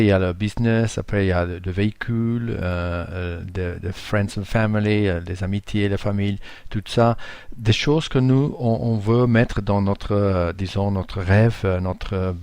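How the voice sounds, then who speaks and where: A man speaking French as a non-native with a foreign accent, giving an informal screen-share tutorial, halting and searching for words. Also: fairly low pitch, darkish tone, dry recording. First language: not French. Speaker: tutorial presenter.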